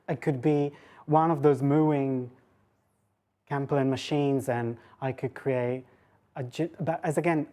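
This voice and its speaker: In her mellow bass voice, a woman delivers an academic talk with audience questions. As a lecturer and speaker, she muses aloud, rambling and self-deprecating.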